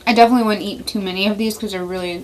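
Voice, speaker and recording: A woman's voice: mid-range voice, steady tone, very fast, a little mellow. Chatty woman giving blunt snack reactions. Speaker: vlog host. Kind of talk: casual taste-test chat.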